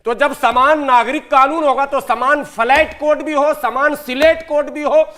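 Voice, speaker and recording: A man who is a panelist in a heated TV debate, talking loudly over the others. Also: extremely high pitch, steady tone, unhurried. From Bihar. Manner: loud, talks over others.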